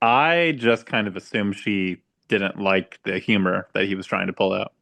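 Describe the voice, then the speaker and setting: A man co-hosting a podcast in casual chat, enthusiastic and quick to laugh. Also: sits low, gravelly, a bit bright.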